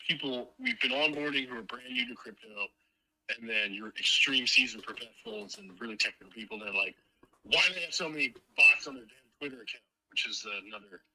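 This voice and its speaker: A man with a strikingly bright, sharp-edged voice at a middle pitch. He chats casually as a guest, rambling and leaning on fillers as he works through his thoughts. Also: low-quality recording. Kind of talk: casual interview chat.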